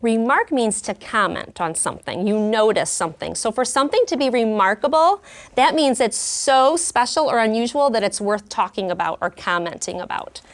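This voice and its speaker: Here an elementary school teacher with a voice on the high side speaks at a moderate pace with lively intonation. She reads to young children and explains her method, offering clear, simple explanations of words and lessons and asking her pupils questions.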